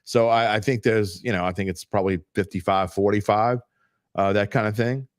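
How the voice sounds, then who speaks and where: A man's voice: on the low side, fairly even intonation, brisk, no echo, studio quality. A man co-hosting a sports betting talk show, arguing his points bluntly and with emphasis. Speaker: sports betting podcast co-host. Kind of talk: casual sports betting debate.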